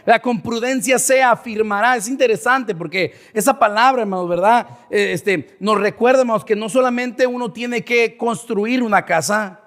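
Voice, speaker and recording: A man's voice: sits high, moderate pace, few pauses, fairly bright tone, long reverb tail. A man preaching a sermon to his congregation, often checking in with "verdad?" as he teaches. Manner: keeps asking the congregation "verdad?". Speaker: pastor. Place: church sanctuary.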